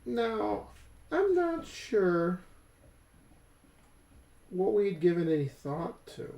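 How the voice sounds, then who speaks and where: Painting miniatures at an indoor table, this Western New York co-host of a hobby channel chats in a relaxed, rambling way and frequently mutters to themselves. The mid-range voice is warm, creaky, and sing-song, and the echoey recording has its highs cut off.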